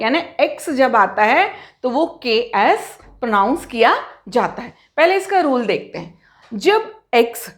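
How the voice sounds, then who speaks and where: A high-pitched woman teaches pronunciation in a slow, lively voice. She keeps asking the class questions and then answers them herself, and she draws out each example word as she spells it. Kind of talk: explanatory lesson to students.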